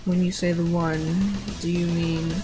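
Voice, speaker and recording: A woman's voice: on the low side, little pitch movement, a little slow, dark tone, faint music behind, natural voice, low-quality recording. Woman doing a sullen teenage tough boy, amateurishly acted. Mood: sullen, suspicious. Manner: amateurish bad acting. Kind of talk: amateur anime game voice-over.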